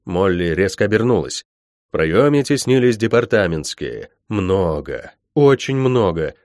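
Man narrating with lively dramatic intonation. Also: deep voice, unhurried, no room sound, studio quality. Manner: dramatic, varied delivery. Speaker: audiobook reader. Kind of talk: expressive scripted narration.

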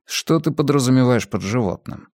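A male audiobook narrator voicing a blunt, quietly skeptical police investigator. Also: mid-range voice, lively intonation, normal speed, no echo, studio quality, natural voice.

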